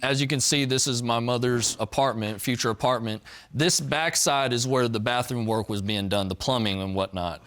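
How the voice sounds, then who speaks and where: A man's voice: mid-range voice, normal speed, few pauses, fairly bright tone. A man giving earnest testimony as a plaintiff in a TV court.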